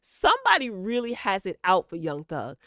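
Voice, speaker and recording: A woman hosting casual, opinionated gossip commentary speaks emphatically right to her listeners, repeating words for emphasis. Her mid-range voice swoops wildly in pitch, with a sharp tone at normal speed. The sound is clean studio audio without echo.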